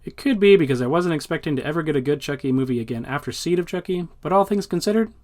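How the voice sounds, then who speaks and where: Fast-talking man narrating a video essay. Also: fairly high pitch, expressive, a little mellow. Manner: wry, informal. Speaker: film history narrator. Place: voice-over recorded off screen.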